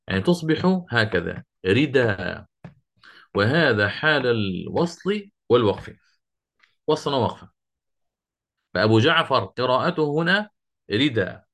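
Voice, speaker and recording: A middle-aged man teaching Quranic recitation rules, explaining step by step, asking his students questions and reciting verses slowly. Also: mid-range voice, a bit bright. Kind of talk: interactive lesson on Quranic readings.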